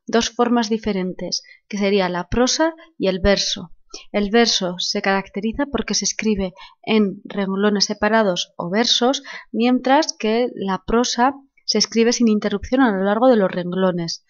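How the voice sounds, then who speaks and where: A woman with a Spanish accent from Spain teaching a recorded literature lesson, explaining in a clear, measured way and counting syllables aloud. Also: fairly high pitch. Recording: dull lo-fi recording.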